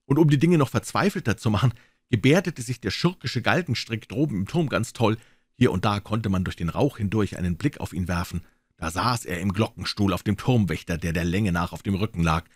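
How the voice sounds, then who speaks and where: A man reading a classic story aloud in a theatrical, lively storytelling manner. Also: fairly low pitch, brisk, slightly rough, no room sound, studio quality. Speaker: audiobook reader. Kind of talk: scripted story narration.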